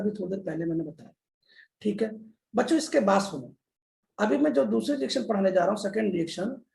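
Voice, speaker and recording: A man's voice: sits high, gravelly, a little mellow. A man teaching a chemistry lesson in a classroom style, repeating key terms and often addressing the children. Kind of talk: classroom lecture. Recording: echoey room.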